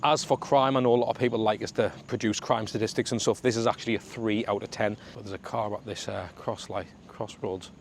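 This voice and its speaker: A man's voice: fairly low pitch, steady tone, brisk, gravelly, hardly any pauses. A man with a Sunderland accent chatting casually as he vlogs outdoors on the street, in a matey way full of regional slang. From Sunderland, north-east England. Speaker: travel vlogger. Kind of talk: casual walking vlog chat to camera. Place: outdoors on a suburban street in the rain. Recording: outdoor street and traffic noise.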